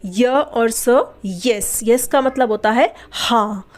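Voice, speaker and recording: A young woman teaching a beginner English lesson, spelling each word out slowly and answering her own questions. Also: on the high side, faint music behind. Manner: patient, spells words letter by letter, asks and answers own questions. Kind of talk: spoken language lesson.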